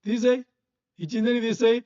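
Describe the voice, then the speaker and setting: A calm, proud God, as a male preacher puts him on within a sermon, asking pointed questions in a high voice. It stays close to the preacher's own delivery, on a dull, lo-fi recording. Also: normal speed.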